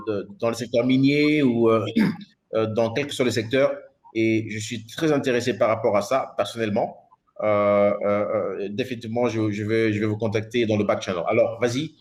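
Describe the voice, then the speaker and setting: A man's voice: mid-range voice, a little mellow. A man moderating an online panel, talking hesitantly with many fillers and repeated words.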